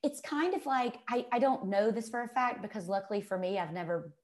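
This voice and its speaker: A woman's voice: a little high, fairly quick. Emphatic woman with a Mississippi Southern accent. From Mississippi, United States. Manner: animated, emphatic, quotes herself and others. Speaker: guest. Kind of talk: casual conversational storytelling.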